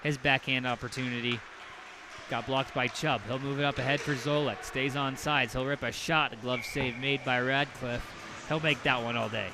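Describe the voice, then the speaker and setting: A man doing play-by-play commentary on a hockey game, with rapid calls that surge loud on goals. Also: mid-range voice, fairly even intonation, noisy background. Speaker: play-by-play announcer.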